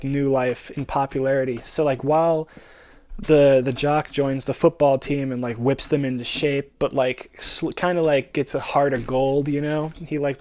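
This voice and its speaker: A man's voice: medium pitch, darkish tone. A young adult man chatting casually, meandering through a story in slangy, sweary language and slipping into bits of acted dialogue. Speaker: storyteller pitching a movie idea. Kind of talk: rambling casual chat.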